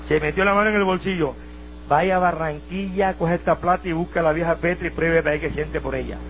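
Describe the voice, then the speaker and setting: A Colombian man preaching his testimony with a Colombian accent, acting out voices and breaking into shouted prayers. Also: high-pitched. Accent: Colombian Spanish. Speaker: evangelical preacher. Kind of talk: testimony sermon. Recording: dull lo-fi sermon recording with faint hum.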